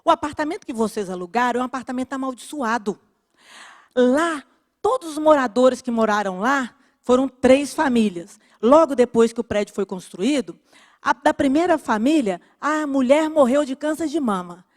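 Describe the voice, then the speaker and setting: A woman voicing an anxious, superstitious older woman neighbor who gives hurried, fearful warnings, in a sermon. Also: high voice, lively intonation, in a large hall. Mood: worried warning.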